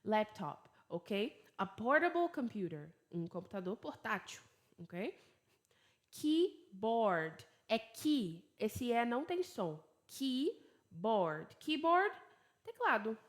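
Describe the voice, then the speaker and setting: A Brazilian woman teaching English online from her laptop, with American-leaning English and Portuguese as her first language. She drills words slowly, then explains in quick, chatty Portuguese and laughs at her own slips. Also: a little high, sing-song.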